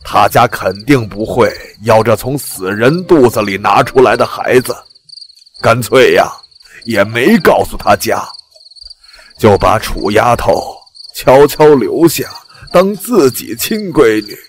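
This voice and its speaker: Rough village dad, read by a man, slow, rising-falling voice, faint hiss behind. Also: mid-range voice, animated. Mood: confessing. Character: rough village father, plain-spoken and blunt. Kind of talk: audiobook character reading.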